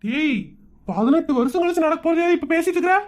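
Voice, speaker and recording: A woman's voice: very high-pitched, lively intonation, fast talker, a little mellow. A woman voicing an exasperated village father in a cartoon comedy, scolding in a rural Tamil Nadu accent.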